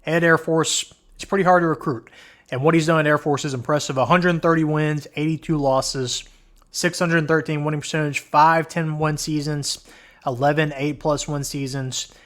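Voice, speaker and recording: A man's voice: on the high side, fairly bright tone. A man hosting a college football countdown, talking casually and starting each point with "all right", while he is losing his voice. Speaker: host.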